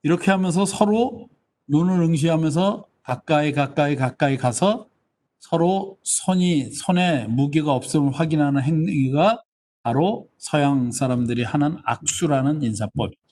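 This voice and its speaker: A man's voice: on the high side, moderate pace. A middle-aged man giving an online lecture, telling stories and acting out short exchanges of dialogue. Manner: animated storytelling, acting out little dialogues.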